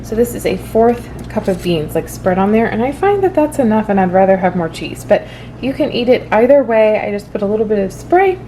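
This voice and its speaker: Female home-cooking vlogger, mid-pitched, informal and explanatory, some household noise behind her. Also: expressive, brisk, mellow. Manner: informal, explanatory, loosely improvised. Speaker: vlog host showing home cooking. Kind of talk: casual cooking vlog chat to viewers. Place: home kitchen.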